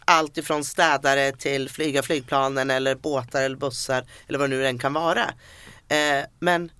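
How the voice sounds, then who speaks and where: A woman's voice: extremely low pitch, steady tone, a bit bright, clear, resonant tone, no room sound. A woman co-hosting a casual podcast, musing in long run-on thoughts. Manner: chatty, reflective, talks in long run-on thoughts. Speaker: podcast co-host.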